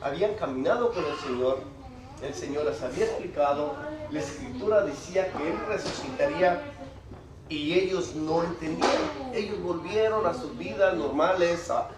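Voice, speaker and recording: A man's voice: fairly high pitch, expressive, moderate pace. A man preaching a sermon, explaining scripture conversationally and reading Bible passages aloud to the congregation. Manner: reads Bible passages aloud with rising emphasis. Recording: echoey hall from far off with congregation noise.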